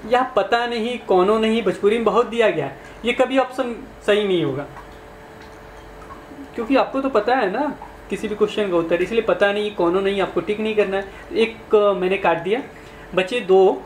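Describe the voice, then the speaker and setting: A man's voice: sits high, normal speed. Guy explaining test questions, asks stuff back, roomy echo. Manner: conversational, asks listeners questions. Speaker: exam prep teacher. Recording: echoey room, faint background noise.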